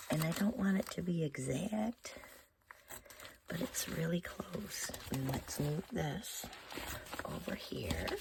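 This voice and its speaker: A woman with a hoarse, squeaky voice from being sick, cracking into whispery breaks as she chats casually and thinks aloud through a craft tutorial. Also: background noise. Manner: rambling, thinking aloud while working. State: hoarse, squeaky voice from a feverish illness. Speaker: craft vlogger.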